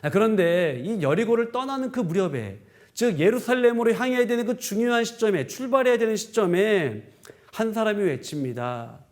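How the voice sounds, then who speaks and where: A man's voice: sits high, animated, normal speed, darkish tone. A male pastor giving a sermon, retelling a story and asking rhetorical questions.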